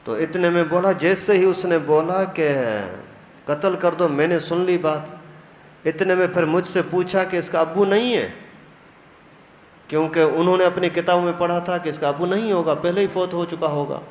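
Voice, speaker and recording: A man preaching a storytelling sermon who acts out the dialogue as he goes. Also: high-pitched. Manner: animated, acts out quoted dialogue. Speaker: preacher, mufti. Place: mosque hall. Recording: echoey mosque hall, faint noise.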